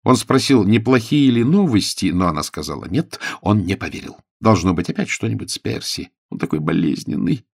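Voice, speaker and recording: A man narrating an audiobook with a lively, expressive reading. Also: on the low side, a little fast, creaky, hardly any pauses, slightly rough, no room sound, studio quality.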